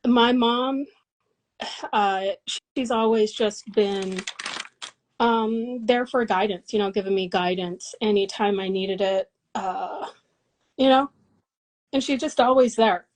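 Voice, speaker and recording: A woman's voice: medium pitch, slow, pauses often, a little mellow, rough recording. A woman in her forties from Colorado, a massage therapist and business owner, talking in a casual interview in an earnest, reflective way with many fillers and restarts. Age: 40s.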